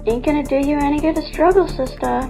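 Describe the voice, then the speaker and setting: A sneering young ringleader, cocky and cruel, barking orders and mocking her captive in a raised, bright tone, as a woman storyteller puts her on. The voice sits a good step above a plain speaking voice and drips with scorn. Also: sits high, quick pace, creaky, over music, voice pushed up, poor audio. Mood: taunting. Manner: taunting, scornful, bossy.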